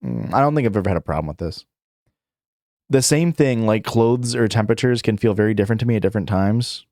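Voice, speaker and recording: Reading viewer questions during a livestream, this young man rambles through his answers with plenty of fillers, restarts, self-corrections and chuckles. He speaks fast and animatedly in a lowish, slightly mellow voice, with a clean, echo-free studio sound.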